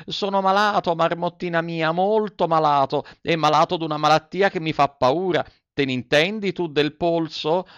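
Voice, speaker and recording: Pinocchio, as a man voices him, shrill and whining. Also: moderate pace, few pauses, a bit bright, clear, resonant tone, dry recording, natural voice. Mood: panicked. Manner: shrill, pleading, sobbing. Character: wooden puppet boy, frightened and whining. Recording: dull, dry recording.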